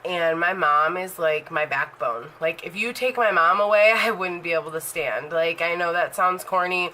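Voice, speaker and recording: A woman's voice: lowish voice, moderate pace, bright, forceful tone, a little hiss or hum, poor audio. A woman in her thirties talking casually in a vlog about her makeup collection, rambling and full of fillers. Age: 30s. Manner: rambling and chatty, heavy on fillers. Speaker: beauty vlogger.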